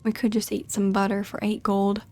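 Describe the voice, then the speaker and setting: A woman's voice: medium pitch, monotone, normal speed, darkish tone. A woman giving chatty, giggly commentary as she role-plays through a video game. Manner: giggly, chatty, narrates her character's feelings. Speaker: gamer narrating her playthrough.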